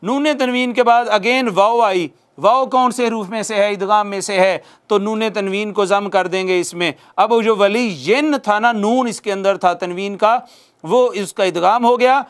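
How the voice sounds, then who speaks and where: A man with a high-pitched voice teaches a class the rules of Quran recitation. He works through each rule step by step, asks questions and answers them himself. He repeats Arabic examples slowly and draws them out. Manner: addresses listeners formally. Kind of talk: classroom lesson on tajweed rules.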